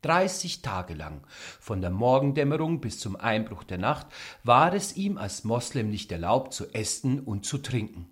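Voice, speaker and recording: Man giving an expressive literary reading. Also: medium pitch, measured pace, breathy edge. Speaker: reader of a novel excerpt.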